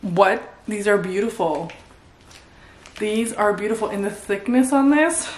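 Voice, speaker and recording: A woman's voice: mid-range voice, expressive, measured pace, noisy background. A young adult woman doing a casual try-on haul to camera, bubbly and chatty, constantly addressing her viewers. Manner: bubbly and chatty, says "you guys" constantly. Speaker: fashion vlogger. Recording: echoey room.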